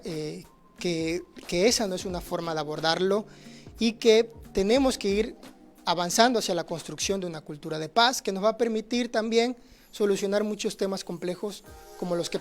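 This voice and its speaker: Male teacher, earnest explainer, frequent restarts and tag questions, faint music behind. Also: sits high. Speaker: teacher speaking on conflict resolution. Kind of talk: livestreamed talk answering audience questions.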